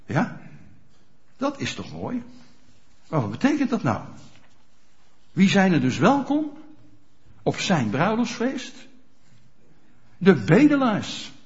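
A pastor preaching a sermon in a church, speaking straight to the congregation with frequent rhetorical questions. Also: male voice, high voice, slow pace, pauses often. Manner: animated, addresses congregation directly with rhetorical questions. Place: church hall. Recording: dull lo-fi church recording.

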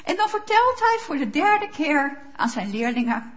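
A woman's voice: high voice, sing-song, measured pace, lo-fi sound. A woman preacher giving a sermon, speaking emphatically and asking rhetorical questions of her listeners. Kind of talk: sermon with Bible reading.

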